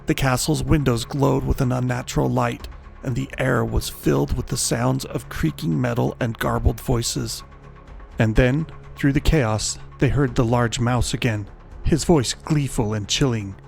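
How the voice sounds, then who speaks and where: A man reading a scripted horror story in a measured, dramatic storytelling style. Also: medium pitch, fairly even intonation, vocal fry, a little mellow, soft background music.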